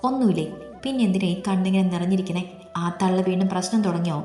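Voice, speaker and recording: Woman reading a sharp-tongued younger sister. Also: on the low side, fast talker, close to an everyday voice. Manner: sharp, indignant questions. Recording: echoey room, long reverb, soft music.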